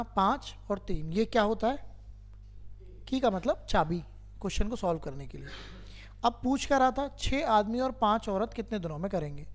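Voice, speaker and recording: A man teaching a math lesson to a class, who keeps quizzing his students and patiently repeats each step. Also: extremely high pitch.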